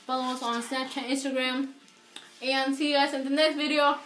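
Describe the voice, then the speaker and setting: A woman's voice: high voice, flat delivery, a little fast, a bit bright. A young woman hosting, chatting casually to camera. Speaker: vlog host. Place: small indoor room, camera at short distance. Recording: echoey room, noisy background.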